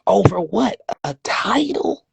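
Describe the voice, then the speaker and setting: A man's voice: high-pitched, sing-song, slow, vocal fry, a little hiss or hum. A man giving a rambling, preachy casual monologue, now and then dropping to a whisper.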